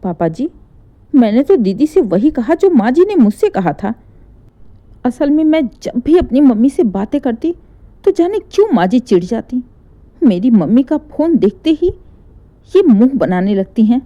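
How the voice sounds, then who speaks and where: A woman's voice: a little high, mellow, muffled recording. A woman doing a sly, sweet-talking young daughter-in-law. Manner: sweet, mock-innocent pleading.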